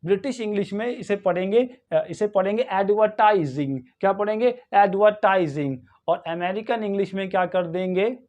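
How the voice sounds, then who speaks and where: A man teaching English pronunciation, asking and answering his own questions and repeating each word slowly. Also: sits high, warm tone. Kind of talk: pronunciation lesson in Hindi.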